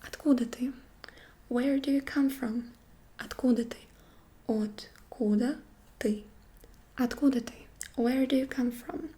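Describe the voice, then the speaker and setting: A woman giving a whispered ASMR lesson, speaking gently and softly and repeating each short phrase several times. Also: high-pitched, steady tone, unhurried, pauses often. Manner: gentle, soft-spoken. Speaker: ASMR creator teaching phrases.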